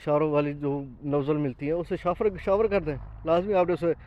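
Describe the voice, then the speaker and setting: A man's voice: on the high side, no room sound. A man, a farm owner hosting a casual farm vlog outdoors in an orchard, chatting and pointing things out as he explains. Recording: dull lo-fi outdoor recording.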